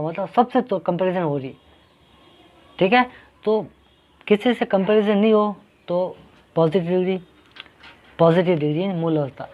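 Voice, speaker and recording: Patient male teacher, lo-fi sound. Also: sits high. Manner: patient, repetitive explaining with rhetorical questions. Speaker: English teacher. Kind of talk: classroom-style grammar lesson. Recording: dull lo-fi recording.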